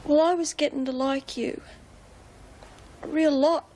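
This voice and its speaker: Insecure young prisoner, high voice, hesitant delivery. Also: female voice, steady tone, measured pace, mellow. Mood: sheepish. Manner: hesitant and self-deprecating. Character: shy young female prisoner, insecure and defensive. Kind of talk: 1980s television drama acting.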